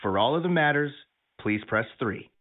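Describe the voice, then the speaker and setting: A recorded phone menu message spoken by a man, heard over a thin, phone-like line. His delivery is formal and even, with a lively rise and fall in pitch and a slightly husky edge. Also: normal speed. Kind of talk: scripted phone menu announcement.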